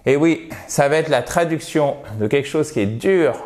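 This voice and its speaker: A man whose first language is French, teaching English grammar slowly and deliberately, stretching out the example words. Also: fairly high pitch, darkish tone.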